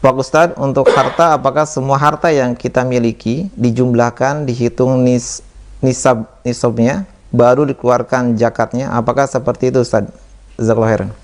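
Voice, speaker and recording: A man's voice: medium pitch, fairly even intonation, normal speed. Male moderator, courteous and formal, reads questions. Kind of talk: hosting a Q&A session.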